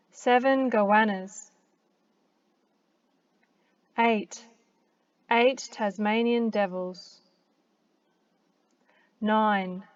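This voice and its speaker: A woman with an Australian accent, teaching pronunciation by slowly saying each number and a short phrase. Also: on the high side, clear, resonant tone. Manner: slow deliberate word-by-word pronunciation with long pauses. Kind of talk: slow demonstration of counting aloud. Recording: dull lo-fi recording.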